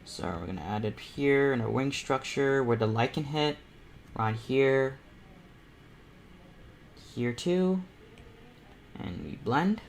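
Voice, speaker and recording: Slow-paced yet animated, a medium-pitched, gravelly voice belongs to a teenage or young adult self-taught artist hosting a painting panel. He gives casual live commentary as he paints, pausing often, rambling and repeating himself in an encouraging, informal way. There's a little hiss or hum in the background.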